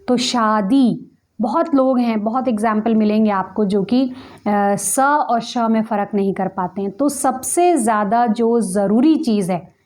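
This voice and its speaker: Mellow-voiced woman teaching pronunciation. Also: medium pitch. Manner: patient, explanatory, demonstrates words by repeating them. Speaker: ghazal and poetry teacher. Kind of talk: conversational lesson on pronunciation.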